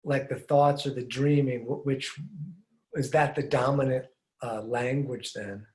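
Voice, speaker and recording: An older man hosts a podcast from a room at home with blinds, wearing headphones and speaking into a boom-arm studio mic. His questions are curious and rambling, often trailing off, delivered in a steady, slightly slow, darkish voice. The recording sounds roomy and echoey.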